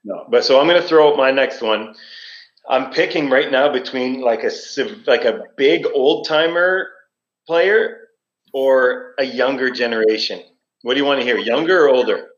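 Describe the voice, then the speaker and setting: A man of middle pitch chats bluntly about old rivals. His voice comes through a cave-like echo. The microphone sounds dull and muffled. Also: normal speed. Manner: blunt, storytelling. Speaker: former player, podcast co-host. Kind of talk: casual sports chat. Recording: echoey, dull remote mic.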